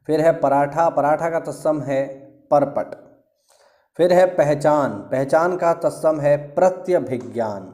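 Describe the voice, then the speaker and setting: A man's voice: a little high, takes it slowly, long pauses, dark tone. A man teaching an exam-prep class online. He keeps saying "theek hai" to check understanding and stresses correct pronunciation. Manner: addresses students as friends, stresses correct pronunciation. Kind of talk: online lecture.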